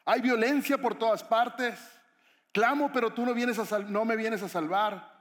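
Brief: a preacher acting out an anguished old prophet, male, high pleading voice, echoey hall. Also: lively intonation, a little slow.

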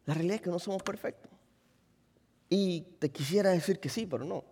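A male pastor delivers a sermon in a church, asking his listeners questions and acting out short quoted lines. His voice sits high for a man. The sound rings with a long hall reverb. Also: brisk, warm tone, breathy edge. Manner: preaching with acted quotes and rhetorical questions.

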